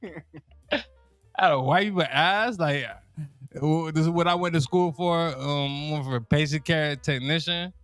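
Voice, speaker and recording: A man's voice: on the high side, measured pace, fairly bright tone, no room sound, faint music behind. A young man from Miami with a Miami accent, telling comic stories in a loose, slangy way, repeating himself and laughing at his own lines. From Miami, Florida. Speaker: comedian. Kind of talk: casual stand-up style storytelling.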